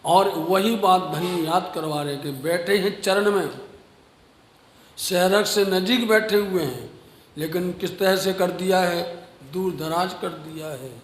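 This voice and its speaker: A man giving a devotional sermon, earnest and slow, rising at times to emphatic exhortation. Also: high voice. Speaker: preacher. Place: ashram hall. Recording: echoey hall with long reverb.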